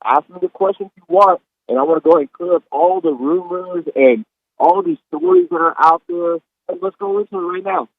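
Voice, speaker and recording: A man's voice: high-pitched, a little fast, gravelly, dry recording, full character voice. A man calling in and playing a brash, defensive male monkey, heard over a distorted, fuzzy phone line with the phone held too close. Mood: defiant. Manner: defensive, rambling, excitable. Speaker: caller.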